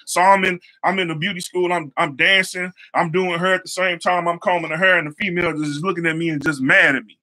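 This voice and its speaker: Young male host, high and piercingly bright tone, loose conversational storytelling with slang and repeated phrases. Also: steady tone, fast talker, few pauses. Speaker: show host, hair stylist. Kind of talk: casual motivational storytelling.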